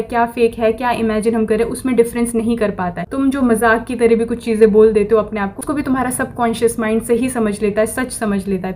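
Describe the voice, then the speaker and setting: A woman's voice: a little high, slight background noise. A woman giving a casual motivational talk to camera, repeating phrases over and over and slipping affirmations into her speech. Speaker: self-improvement vlogger.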